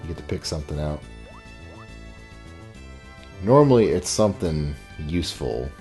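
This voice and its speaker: A man's voice: a bass voice, expressive, moderate pace, mellow. A man hosting a game playthrough with casual, offhand commentary. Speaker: gamer host. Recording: game music behind the voice.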